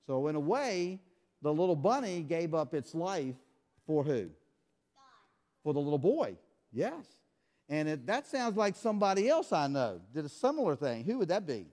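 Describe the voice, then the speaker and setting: A man's voice: on the high side, big pitch swings, moderate pace, a little mellow. A man performing a children's magic show, playfully acting surprised and quizzing the kids in call-and-response. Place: church hall with a live audience. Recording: echoey hall.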